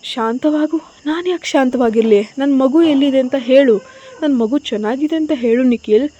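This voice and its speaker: A grieving young mother, frantic and accusing, as a woman reading the story puts her on. The voice sits a little high yet sounds mellow and dark. She pleads and then lashes out. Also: normal speed, dull audio, lightly acted. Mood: desperate. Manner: pleading, then shouting and blaming.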